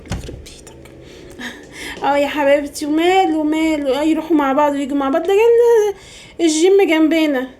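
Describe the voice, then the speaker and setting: Lady playing a nagging egyptian mom, egyptian accent, super high voice, scolds then gossips. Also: slight background noise, natural voice. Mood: gossipy. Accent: Egyptian Arabic. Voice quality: scolding, then hushed gossipy phone chatter. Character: fussy middle-aged Egyptian mother, loud and superstitious. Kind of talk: comedy sketch.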